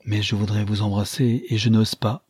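A man reading an ardent young gentleman. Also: lowish voice, little pitch movement, normal speed, breathy edge, no room sound, clean studio sound. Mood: tender.

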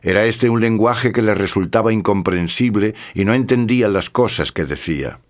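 A man narrating a scripted audiobook in a steady, measured way. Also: fairly low pitch.

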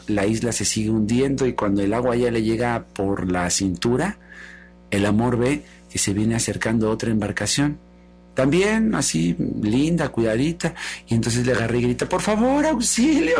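A man hosting a radio show, telling a fable in a lively, playful way. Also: mid-range voice, slight background noise. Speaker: radio host.

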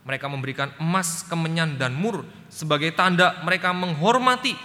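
Bright-voiced male preacher in a reverberant church. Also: on the high side, brisk. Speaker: pastor. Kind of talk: sermon. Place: church sanctuary. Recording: church recording with long reverb.

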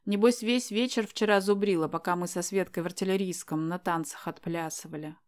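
A woman's voice: fairly low pitch, steady tone, brisk, natural voice. A woman voicing a blunt, mocking young girl. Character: brash mocking young woman, sharp-tongued friend.

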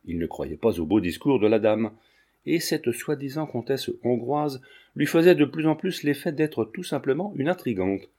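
A man's voice: mid-range voice, animated, normal speed, mellow, husky. Man narrating a classic novel. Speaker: audiobook narrator. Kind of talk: scripted narration.

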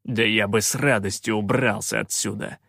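A man's voice: medium pitch, very animated, normal speed, vocal fry, a bit bright, dry recording, clean studio sound, heavily acted. A man voicing a cocky, sarcastic male pirate captain who snaps back with irritated scorn. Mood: scornful. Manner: scornful, irritated, coolly offhand.

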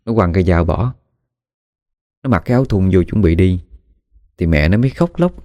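A man tells a ghost story in a casual, colloquial way. His voice is very low and mellow, and he breaks into dramatic exclamations as he speaks. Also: lively intonation, normal speed. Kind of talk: spoken ghost story narration.

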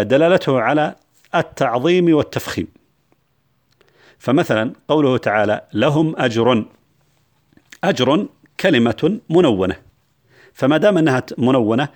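Man, lecturer, religious lesson, measured, hesitant fillers, slowed quotations. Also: mid-range voice, a little mellow. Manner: measured explanation with frequent hesitations and slow quoted examples. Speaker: lecturer on Quran reflection.

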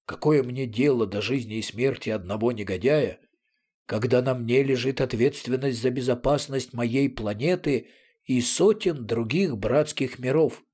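Stern older fleet commander, imperious and booming, voiced by a man. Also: unhurried, a little mellow, husky. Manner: thundering, commanding.

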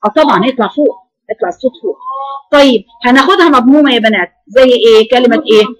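High-voiced Egyptian woman teaching recitation. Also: very fast, poor audio. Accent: Egyptian Arabic. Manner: demonstrates sounds by repeating them, corrects firmly. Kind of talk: live recitation lesson, correcting students.

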